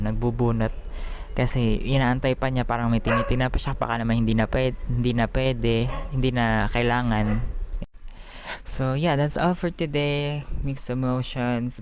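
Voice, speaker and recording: A Filipino vlogger chatting casually in Taglish, giggly and animated, talking with missing front teeth. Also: mid-range voice, a little hiss or hum. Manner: talks with missing front teeth after an extraction; Taglish, mixing English phrases into Tagalog. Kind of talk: casual chatty daily vlog.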